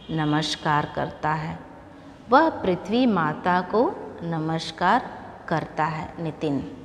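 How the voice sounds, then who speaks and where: A woman teacher giving a slow, patient classroom explanation. She asks questions and then answers them herself. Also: medium pitch, in a large hall, a little hiss or hum.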